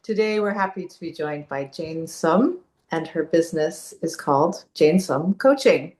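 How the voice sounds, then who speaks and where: A woman's voice: deep voice, expressive, measured pace, darkish tone. A woman hosting a member interview, asking questions in a polite, encouraging way. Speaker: interview host. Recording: echoey room.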